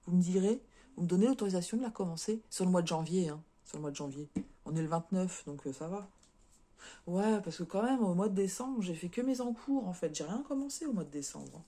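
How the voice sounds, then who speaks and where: Mellow-voiced chatty French woman. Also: lowish voice, animated, brisk. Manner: chatty, many fillers and repeated words. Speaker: craft vlogger. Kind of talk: casual unboxing chat.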